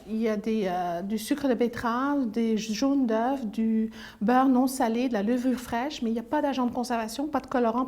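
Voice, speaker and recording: A Belgian woman who owns a business answers interview questions as a guest, hesitating with many fillers and restarts. Her voice is a little high with a darkish tone.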